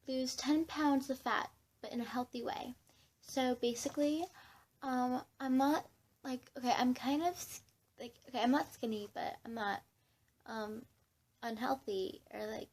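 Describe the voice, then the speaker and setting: A young woman vlogger rambles casually to the camera, scattered and giggly, often cutting herself off. Her voice is fairly high, creaky, and a little mellow.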